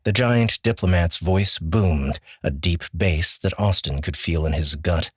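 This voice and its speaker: A man reading an audiobook in a measured, steady manner. His voice sits low and deep, recorded close and dry with no room sound. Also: slightly rough, no echo. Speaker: audiobook narrator. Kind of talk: scripted narration.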